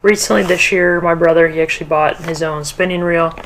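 A little high and fairly bright, this young fishing vlogger's voice stays steady as he talks a little fast, eagerly speaking to viewers via action camera. He films in an indoor den, then outside on a farm pond, with slight background noise.

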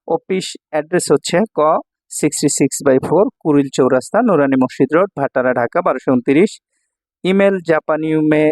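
A man's voice: a little high, a little mellow, dry recording, studio quality. A man from Bangladesh teaching kanji in a patient, repetitive way, often checking that his students follow. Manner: patient, repeats words and checks understanding. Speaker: Japanese language teacher. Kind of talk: kanji lesson explanation. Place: Dhaka language center.

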